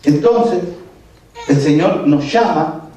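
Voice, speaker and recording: A male pastor preaching a sermon, speaking slowly and forcefully and putting questions to his congregation. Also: on the high side, lively intonation, a little hiss or hum. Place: church hall. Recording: echoey church from far off.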